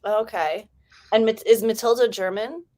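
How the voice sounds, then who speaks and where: Woman host of a casual writing stream, a bit high-pitched, hyper and rambling. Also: fairly even intonation, normal speed, warm tone. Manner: hyper, chatty, rambling with restarts. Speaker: livestream host running writing sprints. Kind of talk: casual livestream chat.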